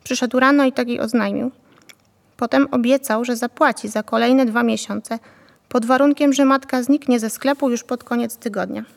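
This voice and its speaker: A woman narrating a novel in a calm, steady way. Her voice is fairly high with a gravelly texture. The recording carries a long, lingering reverb. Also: moderate pace. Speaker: audiobook narrator.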